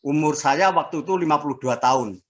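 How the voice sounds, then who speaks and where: A man in his sixties giving a casual personal testimony as an interviewee, speaking haltingly with fillers and restarts. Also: on the high side. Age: 60s. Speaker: interviewee sharing a health testimony.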